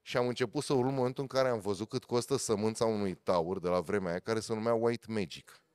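Man, low voice, animated storyteller, dry close mic. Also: clear, resonant tone, dry recording. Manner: animated storyteller, swings loud and high for emphasis. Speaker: podcast guest, motorsport commentator. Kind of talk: casual podcast chat.

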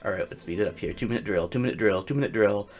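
A man doing comedic gameplay commentary, deadpan one-liners that break into excited yelling. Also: lowish voice, racing, soft background music.

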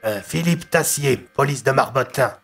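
A man voicing a blunt male police commissioner with a gravelly, husky voice. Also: medium pitch, moderate pace, a bit bright, faint music behind.

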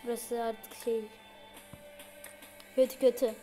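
High-voiced woman chatting over gameplay. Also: flat delivery, takes it slowly, dark tone, faint music behind. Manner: chatty, slangy, talks straight to viewers. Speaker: gaming video creator. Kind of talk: casual gameplay commentary.

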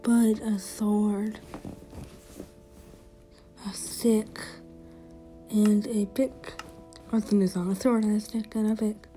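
A woman who makes gaming videos, giving casual, excitable commentary while she plays and breaking into sudden gasps and shouts. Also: medium pitch, takes it slowly, long pauses, faint music behind, rough recording. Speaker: gaming YouTuber.

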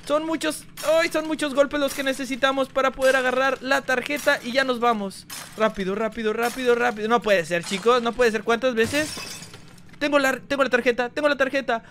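Guy gaming youtuber, super high voice, hyped, keeps talking to the chat. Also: a little fast, slight background noise. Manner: energetic, talks straight to viewers. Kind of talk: excited gameplay commentary.

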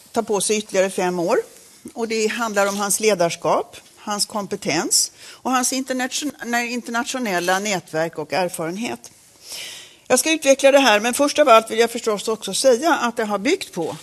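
A woman chairing a board, reading a prepared statement at a press conference in a formal, measured way with occasional self-corrections. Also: fairly high pitch, animated.

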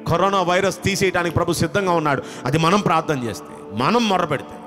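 A man preaching a sermon as pastor, impassioned and emphatic, swinging between loud outbursts and hushed lines and repeating phrases. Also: high-pitched, fast talker, over music. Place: live online church service.

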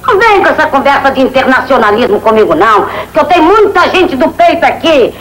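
Casting: brash, folksy Brazilian brothel madam, vintage film comedy, lively pitch, noisy old soundtrack. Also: female voice, fairly quick. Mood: brash, boastful. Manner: colloquial, boastful, folksy.

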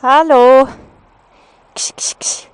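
A woman's voice: sits high, steady tone, slow, smooth, dry recording. A young woman, chatting casually and self-mockingly into her helmet camera as a motovlogger. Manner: giggly, self-mocking, switches between German and English. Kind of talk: casual helmet-cam vlog chat. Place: on a motorbike outdoors, then indoors in a garage. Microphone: helmet-mounted camera mic.

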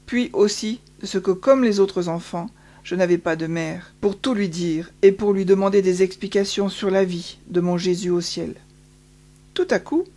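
Une femme qui lit une autobiographie à la première personne, d'une lecture calme, posée et pieuse. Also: female voice, medium pitch. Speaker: audiobook reader. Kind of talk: first-person autobiography reading.

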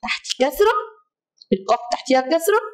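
A high-voiced young Egyptian woman leads a kindergarten phonics lesson. She stretches each letter sound in a sing-song lilt and showers the children with praise. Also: big pitch swings, fast talker. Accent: Egyptian Arabic. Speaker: kindergarten Arabic teacher.

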